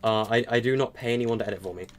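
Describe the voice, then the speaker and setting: He's an eighteen-year-old streaming a game live, speaking very fast in a medium pitch. His casual chat with viewers rambles along, answering their questions amid frequent fillers and stutters.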